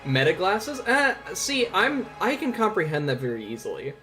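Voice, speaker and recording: A livestream host in his twenties chats casually with viewers over background music, rambling informally and swearing now and then. His voice sits high with huge pitch swings, bright and forceful, at a moderate pace.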